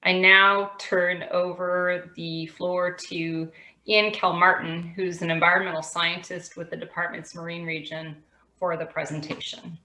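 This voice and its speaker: Woman briefing a commission over a conference call, measured and formal, roomy echo, bright tone. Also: fairly low pitch, little pitch movement. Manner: measured, formal, reads from prepared notes. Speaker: commission staff member presenting an agenda item. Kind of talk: formal public meeting briefing.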